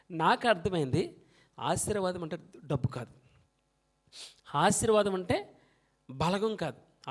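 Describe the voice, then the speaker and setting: A man preaching a sermon, swinging from soft talk to loud, emphatic scripture reading and leading the congregation to read verses aloud with him. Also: sits high.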